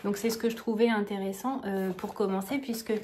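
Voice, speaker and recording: A woman's voice: medium pitch, steady tone, brisk, darkish tone, a little hiss or hum. A woman vlogging casually to camera, gushing and hesitant, restarting her sentences with many fillers. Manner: enthusiastic, gushing.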